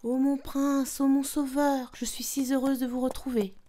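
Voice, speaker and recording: A fairy-tale princess, young and adoring, speaking in a high, breathy falsetto. She gushes over her prince. Audible noise hangs behind the voice. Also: flat delivery, normal speed, warm tone.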